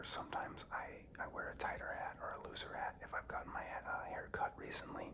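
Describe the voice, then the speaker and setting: A young man works as an ASMR host, telling casual stories while chewing gum. He speaks in a breathy, halting whisper with some creak.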